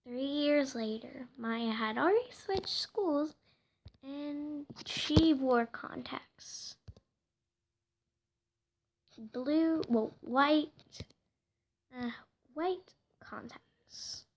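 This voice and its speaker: A woman telling a home-made story casually, hesitant and soft, often slipping into whispers, with faint noise behind her. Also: sits high, very slow, long pauses, lo-fi sound.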